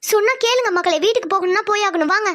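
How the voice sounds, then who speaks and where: A woman's voice: very high voice, racing, a bit bright, no echo, studio quality. A woman voicing an anxious middle-aged mother in a cartoon who hurries her daughters home. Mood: urging. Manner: pleading, insistent. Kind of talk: cartoon voice acting.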